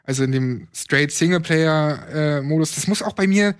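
A man co-hosting a casual gaming talk show, animated and rambling with plenty of fillers. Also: on the high side, normal speed, clean tone. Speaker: podcast co-host.

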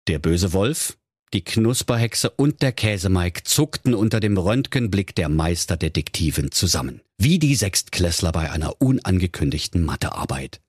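A man's voice: low voice, expressive, normal speed, breathy edge, dry recording, clean studio sound. A man telling a comic fairy-tale parody in a playful, theatrical way. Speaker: narrator.

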